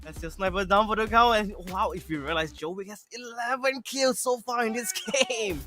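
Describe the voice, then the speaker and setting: A woman casting an esports match live in an excitable, exclamatory way. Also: medium pitch, moderate pace, soft background music. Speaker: esports caster. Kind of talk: live esports play-by-play commentary.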